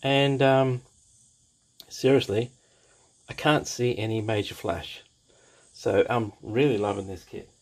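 A man talks slowly and unhurriedly through a scale model kit, speaking from behind an overhead camera at his hobby desk. He is casual and enthusiastic, often repeating his praise and pausing with small fillers. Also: medium pitch, fairly even intonation, poor audio. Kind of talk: casual kit review, unscripted.

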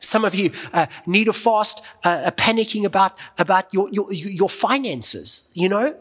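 A male pastor preaches with earnest emphasis, his voice a little husky and unpolished. The sound rings out with a long reverb, as in a large church hall. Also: high-pitched, expressive, moderate pace, a bit bright. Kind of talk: sermon.

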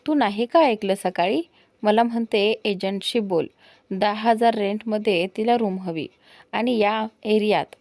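A woman's voice: mid-range voice, measured pace, a little mellow, no echo, close to an everyday voice. A woman voicing a short-tempered young man who snaps back bluntly in a spoken storybook. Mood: irritated. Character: young man, irritable, quick to anger.

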